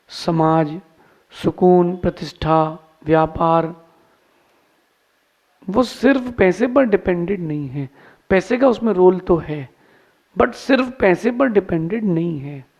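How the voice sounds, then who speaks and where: A man's voice: high-pitched, darkish tone. A man, a monk preacher, giving a sermon in a folksy, moralizing storytelling manner. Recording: slightly dull lo-fi sound.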